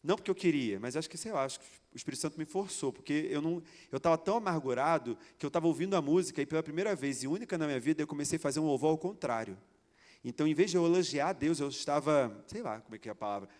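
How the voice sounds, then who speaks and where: Brazilian pastor guy, kinda high voice, acts out the story, long reverb in a church hall. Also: racing. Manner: animated, theatrical storytelling with acted dialogue. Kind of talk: sermon with storytelling. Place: church sanctuary.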